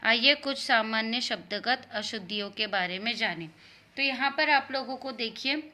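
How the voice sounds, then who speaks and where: A woman with a bright, clear voice sitting slightly high in her range teaches Hindi grammar to young schoolchildren. She explains patiently and repeats each word slowly so the pupils can follow. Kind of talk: online grammar lesson for children.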